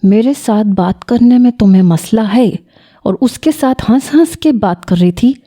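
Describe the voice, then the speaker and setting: A man's voice: sits high, fairly even intonation, mellow. A woman reading the lines of a brash, possessive young foreign man in a romance audiobook. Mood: demanding. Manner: demanding, possessive. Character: brash young American man speaking accented Urdu.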